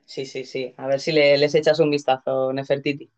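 A woman's voice: extremely low pitch, level tone, normal speed, darkish tone. Playful Castilian Spanish woman host, dull lo-fi audio. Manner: playful, exclamatory. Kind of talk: casual live show chat.

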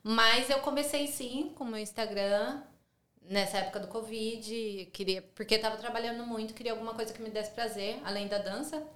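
The guest, a São Paulo native with a São Paulo Brazilian Portuguese accent, chats easily through a casual podcast interview and keeps tagging questions onto her sentences. She pitches on the high side, slightly bright and fairly even, at a moderate pace, with noticeable room echo.

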